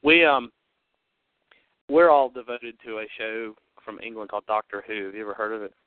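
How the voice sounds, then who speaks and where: A man's voice: on the low side, normal speed, clean tone, dry recording. A man hosting a podcast, talking casually over a phone line with chatty, rambling energy. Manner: chatty, upbeat, rambling with fillers. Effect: heard over a phone line. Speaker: podcast host. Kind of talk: casual chat. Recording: narrow phone-line sound, dry.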